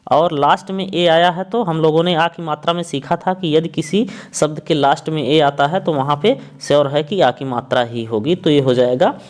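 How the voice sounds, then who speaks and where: A man teaching a lesson, explaining patiently and repeating each point while he spells out letters slowly. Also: on the high side.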